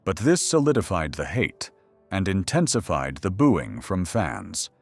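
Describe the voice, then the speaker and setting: A deep-voiced man delivers scripted documentary narration with a dramatic, teasing edge. His pitch swings widely as he tells the story, and soft music sits under his voice. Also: very animated, unhurried, vocal fry, dry recording.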